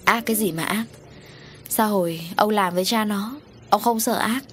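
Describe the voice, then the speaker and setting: A woman's voice: medium pitch, normal speed, fairly bright tone, slight background noise, lightly acted. A woman voicing a jealous, vicious middle-aged wife who accuses and sneers. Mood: jealous accusing.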